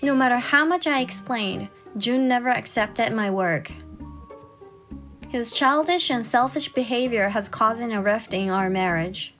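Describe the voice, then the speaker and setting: In a dramatized first-person tale with music playing underneath, a woman plays a housewife and crafts artist of forty who is expressive, exasperated, and caring. Her voice runs slightly high, turning indignant during dialogue and staying measured while narrating.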